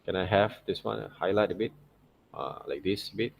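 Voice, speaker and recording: This low-pitched, slightly creaky male voice walks through digital illustration in a relaxed software walkthrough at a moderate pace. He reasons aloud as he goes, frequently adding "okay" or "right" to check in.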